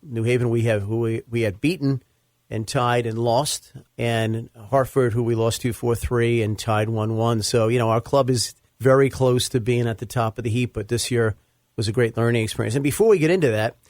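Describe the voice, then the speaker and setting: Male podcast host, mid pitch, chatty and filler-heavy, dry close mic. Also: fairly even intonation, moderate pace, darkish tone, no echo. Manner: chatty, lists sponsors with frequent fillers. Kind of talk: casual podcast talk.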